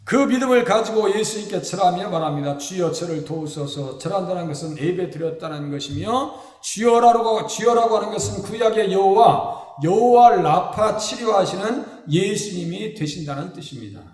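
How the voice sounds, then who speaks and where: A South Korean pastor preaches a lively, folksy sermon in a high voice at a moderate pace with few pauses. He keeps putting rhetorical questions to the congregation and playfully acts out the people he describes. The church sanctuary gives it a long, echoing reverb.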